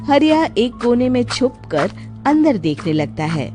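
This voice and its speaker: A woman's voice: a little high, sing-song, a little slow, dark tone, faint music behind. A woman narrating a scripted story as its storyteller.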